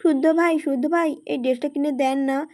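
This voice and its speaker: A woman's voice: high-pitched, steady tone, normal speed, darkish tone, natural voice. A woman voicing a playful, teasing young woman who wheedles and begs her cousin for favors. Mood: wheedling.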